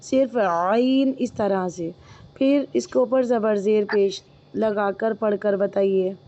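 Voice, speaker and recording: A woman's voice: medium pitch, fairly even intonation, dark tone, highs cut off. A woman teaching Quran recitation. She is patient and encouraging, and drops English words into her talk. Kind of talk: online tajweed lesson.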